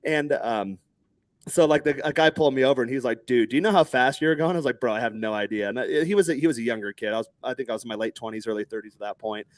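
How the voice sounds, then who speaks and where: A man in his thirties from Texas, telling stories in a casual podcast chat, animated and swearing freely, acting out other people's lines in raised voices. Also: mid-range voice, fast, no room sound.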